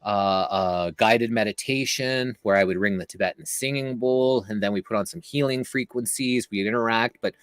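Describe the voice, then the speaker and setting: A man's voice: fairly low pitch, normal speed, few pauses, a bit bright, clear, resonant tone, no room sound. A man telling a long story as an interview guest, casual and rambling, with many fillers and restarts.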